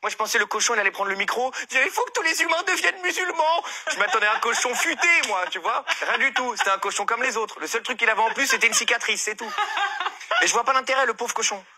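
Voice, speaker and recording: A man's voice: sits high, fast, pushed and bright, slight background noise. A man with a French accent delivering a comic monologue as a humor columnist, ranting with exasperated mock outrage. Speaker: comedian giving a humor column.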